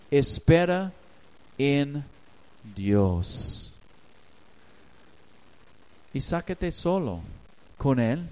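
A man preaching a sermon as pastor, swinging between hushed lines and loud, emphatic ones. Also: a little high, low-quality recording.

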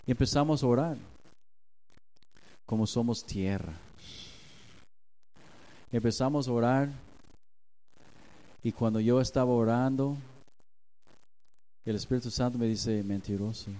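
A man's voice: medium pitch, a little slow, long pauses, warm tone. A man, a pastor preaching a sermon and acting out his talks with God as he tells a story.

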